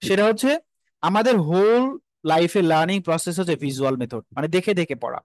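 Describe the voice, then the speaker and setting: High-voiced man teaching an online class. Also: expressive, a little fast, no echo. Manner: asks the class many rhetorical questions; mixes English phrases into Bengali. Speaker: English teacher. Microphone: video call.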